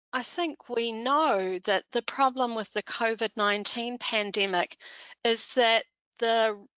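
An older woman with a New Zealand Kiwi accent, giving a measured, explanatory presentation into a headset on a video call. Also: fairly high pitch, pushed and bright, no room sound, poor audio. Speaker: speaker on disaster chaplaincy. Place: indoor room.

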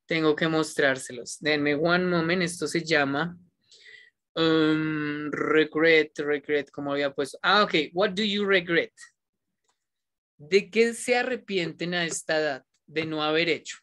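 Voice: mid-range voice, a bit bright. Encouraging teacher repeating words for emphasis. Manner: mixes Spanish with English, repeats words for emphasis; coaxing, encouraging. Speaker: English teacher. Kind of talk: online class talk to students.

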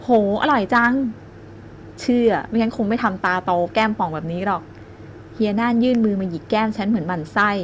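A woman narrates a romance novel in the first person. Her voice sits at a middling pitch. She keeps a gentle, even storytelling pace. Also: a little hiss or hum. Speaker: audiobook narrator.

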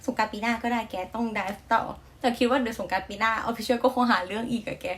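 A woman's voice: a little high, fairly even intonation, quick pace, fairly bright tone, a little hiss or hum. A young woman with a Thai accent hosting a casual reaction vlog, chatty and gushing, with many fillers and polite endings. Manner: polite feminine sentence endings. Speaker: reaction video host.

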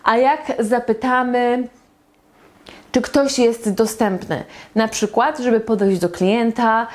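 Slow, patient woman teaching English. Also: on the high side, fairly even intonation. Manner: slow, patient, repeats example phrases several times. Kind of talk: slow explanatory lesson at a whiteboard.

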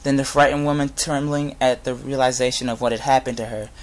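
Young man, mid-range voice, earnest halting delivery, informal sermon and scripture reading, close device mic in a garage. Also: medium pitch, steady tone. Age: young adult. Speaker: inspirational speaker giving a Bible talk. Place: inside a garage. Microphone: device camera at close range.

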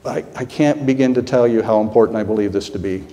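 Earnest middle-aged pastor in reverberant church. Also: male voice, mid-range voice, fast talker, warm tone. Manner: earnest, heartfelt, repeats key phrases. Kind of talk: sermon. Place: church sanctuary. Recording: long reverb of a church hall.

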